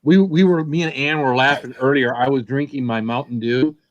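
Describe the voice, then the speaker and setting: A man's voice: mid-range voice, steady tone, a little fast, muffled recording, a crowd in the background. A man chatting and teasing others on a casual livestream call. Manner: teasing, talkative.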